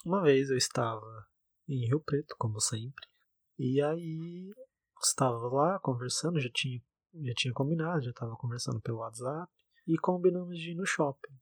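A man, co-hosting a casual chat and telling stories in a blunt, animated way with swearing. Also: mid-range voice, moderate pace, no echo.

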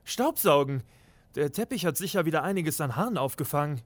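A man's voice: on the high side, a little fast, a little hiss or hum. Exasperated young man grumbling in a sketch. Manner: exasperated, grumbling, crude jokes, lively and theatrical. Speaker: comedy sketch creator. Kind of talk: comedic sketch monologue.

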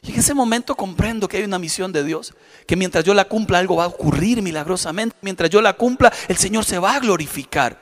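Man, middle-aged pastor, emphatic storytelling sermon, high voice, reverberant hall. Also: fairly quick.

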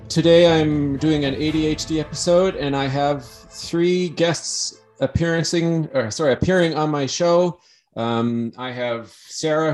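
A man's voice: fairly high pitch, darkish tone. A man hosting a podcast, talking casually and restarting his sentences often. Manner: halting, many restarts and fillers. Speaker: podcast host.

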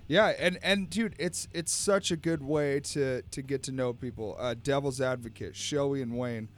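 A man co-hosting a podcast in casual chat, easygoing and quick to agree with the others. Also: medium pitch. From Arizona, USA. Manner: affirming, easygoing, says "absolutely" a lot. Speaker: podcast co-host.

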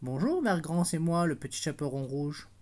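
Storybook wolf, sly and hungry, read by a woman, low sweet-talking voice. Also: lively intonation, normal speed, warm tone.

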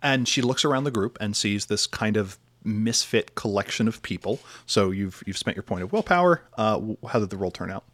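A man's voice: lowish voice, expressive, a little fast, few pauses, a bit bright. A man narrating a tabletop game as game master in a descriptive, thoughtful way. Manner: descriptive, thoughtful, with frequent fillers.

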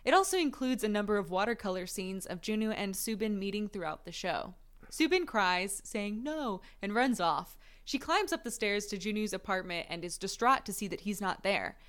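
A woman's voice: medium pitch, animated, moderate pace, fairly bright tone. A woman co-hosting a casual podcast, reading out a plot recap and often breaking into giggles. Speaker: podcast co-host recapping a drama.

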